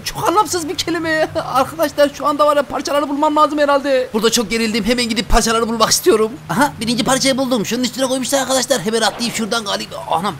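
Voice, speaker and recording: A man hosting a gaming video, talking fast and high with plenty of excited exclamations. He speaks straight to his viewers as he plays, with a faint hiss of noise behind him. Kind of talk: excited let's-play commentary.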